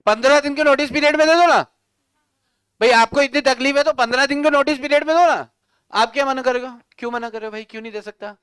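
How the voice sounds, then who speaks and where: A male law teacher lecturing a class in a lively, teasing manner, scolding students with coarse slang. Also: very high voice, quick pace, no room sound.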